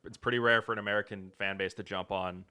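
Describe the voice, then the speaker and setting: A man co-hosting a sports podcast, chatting casually and steering the discussion with quick explanations. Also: fairly low pitch, fairly even intonation, sharp tone, clean tone. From Toronto, Canada. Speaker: podcast co-host.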